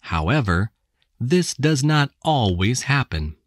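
Very deep-voiced American woman reading slowly. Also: big pitch swings, no echo, studio quality. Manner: careful, deliberate enunciation. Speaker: English text reader. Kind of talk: slow scripted textbook reading.

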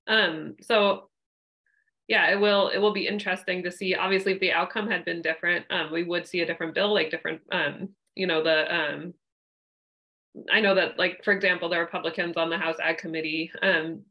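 A young woman on a video call explaining farm policy, talking in a halting way with many fillers and restarts. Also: on the low side, fairly even intonation, bright, forceful tone, rough recording. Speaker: regional policy staff. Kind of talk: panel discussion. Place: home room.

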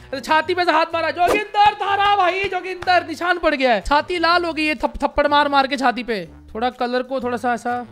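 An excitable young man with a strikingly high voice chats through a game in casual, joking commentary. He fires off phrases in quick bursts and repeats them, like a gaming YouTuber riffing for his viewers.

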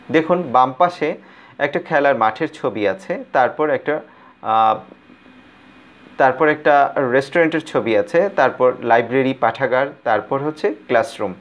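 A man with a Bangladeshi accent teaching a recorded language lesson, explaining each word slowly and deliberately. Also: mid-range voice. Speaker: Arabic teacher.

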